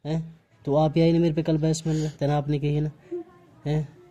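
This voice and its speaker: Captured on an amateur phone recording, a man with a Mewati accent argues reproachfully in private, asking a string of pointed questions. His fairly high voice has a dark tone, moves little in pitch, and keeps a moderate pace.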